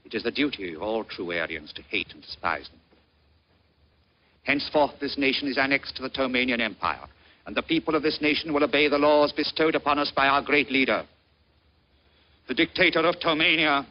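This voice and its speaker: An actor playing a pompous fascist minister, delivering a haughty, ranting dictator-style speech at a rally in a 1940s film. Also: male voice, medium pitch, expressive, fairly quick, lightly acted. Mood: grandiose. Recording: dull, lo-fi 1940s film soundtrack.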